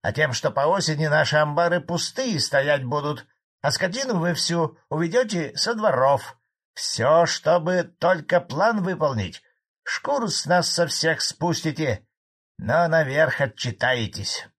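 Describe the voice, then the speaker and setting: A man voicing an angry, blunt old male Soviet cattle farmer in an audiobook, gruff and indignant. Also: a little high, lively intonation, measured pace, a bit bright, voice pushed up, heavily acted.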